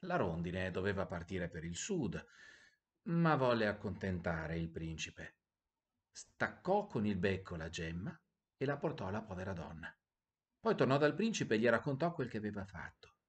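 A man, a priest, narrating a bedtime story in an expressive, sing-song storytelling manner. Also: low voice, moderate pace. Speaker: priest telling bedtime stories.

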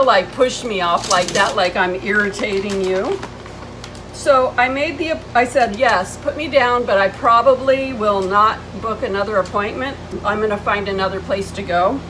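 Outdoors on a covered porch outside her house, a vlogger in her fifties, whose voice is on the high side, tells a personal story to camera with indignation and emphasis, replaying exchanges in a casual chat. The camera stands a few steps off, and noisy outdoor ambience is clearly present.

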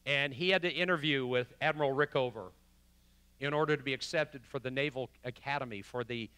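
A pastor preaching to his congregation. His voice is bright and sits at a middle pitch. He swings between loud, driving emphasis and hushed, almost whispered quotations. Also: a little fast, clear, resonant tone, no echo. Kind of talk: sermon. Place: church sanctuary.

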